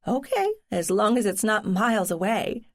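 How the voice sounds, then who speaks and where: A woman, a cozy mystery narrator, voicing a supportive woman companion who asks questions with gentle concern. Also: mid-range voice, sing-song, normal speed. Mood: concerned, dry.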